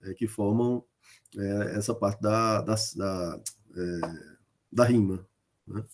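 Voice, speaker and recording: A man's voice: fairly low pitch, fairly even intonation, slow pace, slight background noise. A male lecturer from Northeast Brazil giving an online class, hesitant and full of fillers and tag questions, explaining through spoken examples. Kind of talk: online lecture on rhyme in folk poetry.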